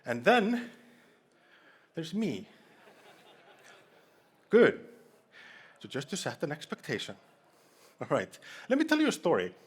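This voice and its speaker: This conference speaker from Iceland jokes around and trades banter with a live crowd from the stage, his Icelandic accent clear. He has a husky, higher-leaning voice whose pitch swoops wildly, and he speaks slowly with frequent pauses.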